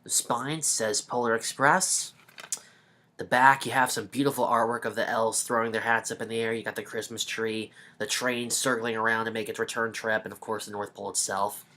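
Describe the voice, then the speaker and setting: A man's voice: on the low side, little pitch movement, moderate pace, sharp tone. A young man giving a chatty, rambling video review of a DVD he is fond of.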